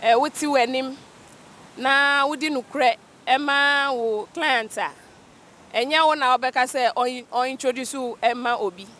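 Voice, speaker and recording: A woman's voice: sits high, measured pace, fairly bright tone. A middle-aged Ghanaian woman with a Ghanaian accent, answering interview questions and mixing English with Twi. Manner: speaks unhurriedly, mixes English with Twi. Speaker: clearing agent guest. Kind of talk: casual interview. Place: outdoors on a beach by the sea. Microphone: handheld mic held by interviewer. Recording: faint outdoor noise.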